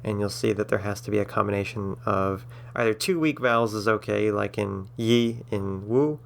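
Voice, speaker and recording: Low creaky-voiced guy doing a patient lesson, slows down to sound stuff out. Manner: patient, spells out sounds slowly with fillers. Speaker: language-building tutor. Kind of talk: explanatory lesson.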